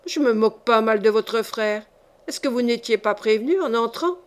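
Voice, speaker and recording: A stubborn old marquis, as a woman reader puts him on, blustering and imperious. The voice sits fairly high, with orders barked out in an audiobook reading. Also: normal speed, close to an everyday voice.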